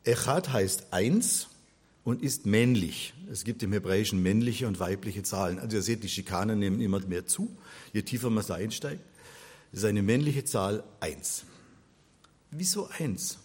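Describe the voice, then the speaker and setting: A man's voice: fairly low pitch, animated, measured pace, a little mellow, slightly rough. A man giving an explanatory religion lecture, patiently spelling things out step by step. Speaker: religion teacher.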